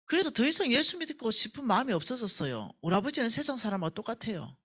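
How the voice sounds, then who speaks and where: A woman with a Gyeongsang Korean accent preaches at a church revival, her voice husky and swinging widely up and down. She tells stories with energy and acts out the voices of the people in them. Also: a little high, fast. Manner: animated storyteller who acts out quoted voices. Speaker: church ministry staff speaker. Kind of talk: revival sermon with told stories.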